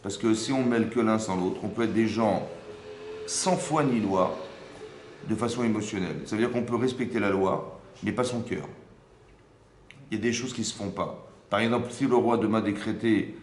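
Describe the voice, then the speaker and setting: In a roomy space with faint ambience and a slight hiss or hum, a lowish-voiced man teaches a religious class to a small group at normal speed, leaving long pauses. His lesson is interactive: he poses questions, checks on his listeners, and frequently repeats words as he hunts for the right phrasing.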